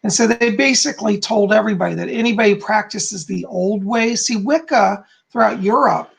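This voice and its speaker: Excitable gravelly man. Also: high-pitched, a little fast. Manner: excitable, greets viewers with cheerful yays. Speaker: psychic medium hosting a live stream. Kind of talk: casual live-stream chat.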